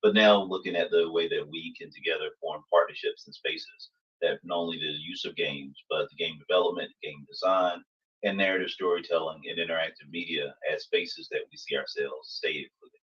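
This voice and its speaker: A man's voice: low-pitched, fairly even intonation, fairly quick, a bit bright, recorded from a distance. A man hosting a livestream panel, effusively polite as he moderates, on a muffled microphone. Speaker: host, moderator.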